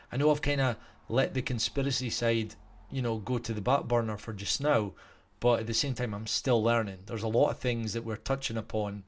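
A man with a Scottish accent talking casually to his viewers in a rambling way, full of restarts and fillers. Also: mid-range voice. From Scotland.

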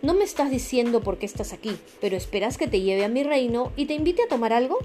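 A woman's voice: a little high, lively intonation, fast talker, warm tone, soft background music, lightly acted. A woman doing a sarcastic young dragoness. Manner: sarcastic, dry, mocking. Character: young female dragon, sarcastic, guarded, proud.

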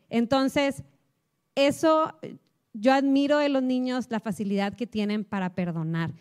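Fast-talking woman, chatty. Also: on the high side, darkish tone. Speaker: speaker at a women's church series. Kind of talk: casual devotional talk.

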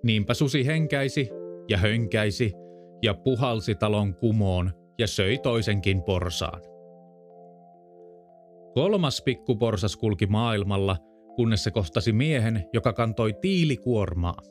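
A man calmly narrating a fairy tale aloud at an even read-aloud pace. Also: fairly low pitch, faint music behind. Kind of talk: storybook narration.

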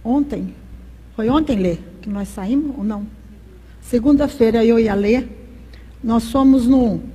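Husky woman preaching in a reverberant hall. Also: mid-range voice, dark tone. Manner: passionate, storytelling. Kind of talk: sermon.

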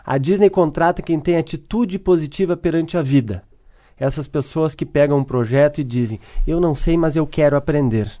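A man's voice: fairly high pitch, moderate pace, dark tone. A man with a Brazilian Portuguese accent, a guest speaker on customer service, answering interview questions and telling worked examples. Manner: tells stories and worked examples.

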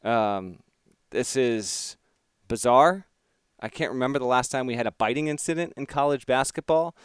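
A man's voice: mid-range voice, normal speed, clean tone, no echo, studio quality. A man in his thirties, co-hosting a casual sports podcast, with wry, joking banter. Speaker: podcast co-host.

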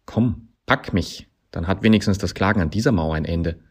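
A man voicing a sarcastic male climbing hold that talks back, dry and mocking, growing into loud accusations. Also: sits low, lively intonation, extremely slow, heavily acted.

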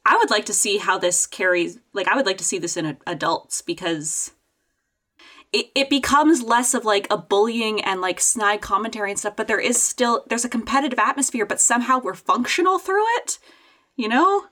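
Mid-pitched female co-host, loose and conversational. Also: brisk, bright, forceful tone. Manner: thinks aloud, restarts sentences. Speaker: podcast co-host. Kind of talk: casual chat.

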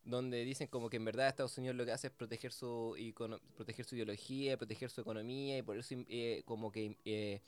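A man's voice: medium pitch, fairly even intonation, fast talker, few pauses. A young man with a Chilean accent, chatting casually on a podcast, slangy and joking as he rambles through a story. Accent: Chilean Spanish. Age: young adult. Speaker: podcast co-host. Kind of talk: casual chat.

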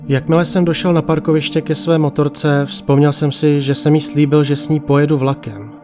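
A man narrating a ghost story in the first person, calm and measured. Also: on the high side. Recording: faint music behind.

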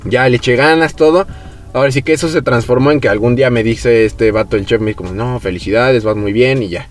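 A young man with a Mexican Spanish accent, hosting a podcast and telling a story in relaxed, slangy chat, acting out the voices of people he quotes. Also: medium pitch, fast, faint music behind. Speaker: podcast host.

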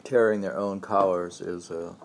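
A man reading a poem aloud at home, pausing to comment on the lines as he goes. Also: sits low, fairly even intonation, gravelly, slight background noise. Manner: reads verse slowly, breaks off to comment. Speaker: poetry reader.

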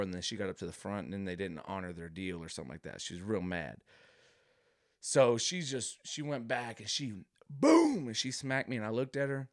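A man telling a long comic story in an animated, rambling way, full of slangy asides to the listener. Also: lowish voice, dry recording, clean studio sound. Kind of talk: comedic storytelling monologue.

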